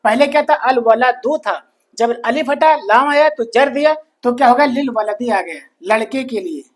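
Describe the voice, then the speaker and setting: A man teaching a grammar lesson, slowly repeating each phrase and answering his own questions. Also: very high-pitched. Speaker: Arabic teacher.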